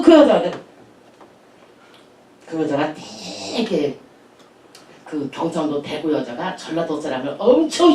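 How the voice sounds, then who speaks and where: A woman's voice: sits low, darkish tone. A woman pastor telling chatty anecdotes in a sermon, laughing often as she speaks. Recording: echoey room, distant mic.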